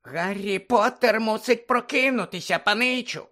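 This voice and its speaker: A man doing a squeaky house-elf, Dobby. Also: normal speed, pushed and bright. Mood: urgent. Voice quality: squeaky, high-pitched. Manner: eager, pleading, speaks of himself in the third person. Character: squeaky excitable male house-elf servant. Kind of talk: audiobook character voice.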